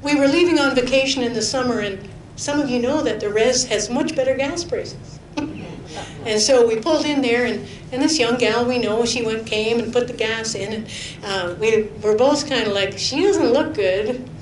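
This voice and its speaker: A middle-aged woman preaching to her congregation, with a fairly high voice. She talks in an earnest, chatty way, laughing often and sinking to a hush for emphasis. The sound carries the echo of a roomy church hall, with a faint rumble underneath. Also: normal speed. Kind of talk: sermon with personal testimony.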